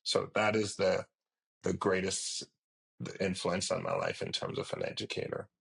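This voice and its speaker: A middle-aged man from Jamaica, a company founder giving a podcast interview. He speaks in a measured, reflective way, with frequent fillers. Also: sits low, little pitch movement, vocal fry, a bit bright, poor audio.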